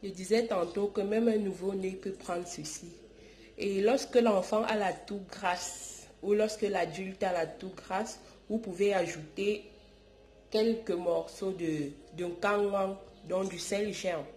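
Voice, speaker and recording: Recorded in an echoey room at home, a YouTube channel host with a stuffy, cold-affected voice walks viewers through a home remedy, calling them "darlings." Her medium-pitched, darkish voice is fairly even and slow, and she often starts phrases over and repeats herself.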